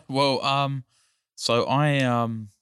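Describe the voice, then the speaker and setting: A man with an English accent, a guest on a podcast, talking in a measured, articulate way with frequent pauses to think. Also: medium pitch, steady tone, fairly bright tone, clear, resonant tone, no echo, studio quality. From England. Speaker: guest, energy company CEO. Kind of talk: casual podcast chat.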